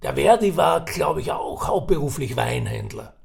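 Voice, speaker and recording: A man's voice: fairly high pitch, sing-song, moderate pace, creaky, exaggerated voice. A man voicing an older, chatty and scheming businessman in an audiobook reading. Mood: persuasive. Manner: persuasive, wheedling, talkative.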